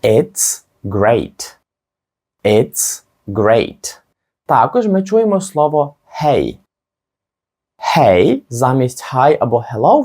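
A man teaching a spoken language lesson, modelling practice phrases slowly and deliberately. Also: fairly high pitch, a little mellow. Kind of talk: scripted lesson narration.

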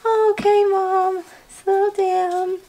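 [name]: a woman doing a very high, gushing little girl doll. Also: drawn-out words, a little hiss or hum, exaggerated voice. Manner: gushing, breathless with excitement. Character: excitable little girl doll shopping with mom. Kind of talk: toy doll play video.

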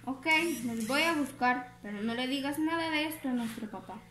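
A woman's voice: sits high, moderate pace, fairly bright tone, slight background noise. A woman voicing a young farm girl who apologizes to her father, in a told children's story. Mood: apologetic. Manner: apologetic, pleading. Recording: roomy home recording.

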